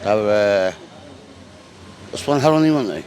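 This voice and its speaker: A man's voice: lowish voice, lively intonation, measured pace, darkish tone, a little hiss or hum. A man interviewed outdoors, searching uncertainly for answers to quiz questions. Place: outdoors on a busy street.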